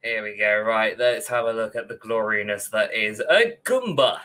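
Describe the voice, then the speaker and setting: Speaking from an indoor room over a video call, a young adult podcast co-host rants casually and emphatically, with a bit of swearing. His lowish voice is animated, bright, and forceful, and he talks at normal speed during the opinionated discussion.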